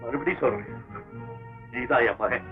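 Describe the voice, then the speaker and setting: A man's voice: mid-range voice, moderate pace, narrow, tinny audio, faint music behind, natural voice. An actor playing a grieving older father who tearfully pleads with his son, in an old film soundtrack. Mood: pleading. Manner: pleading, anguished.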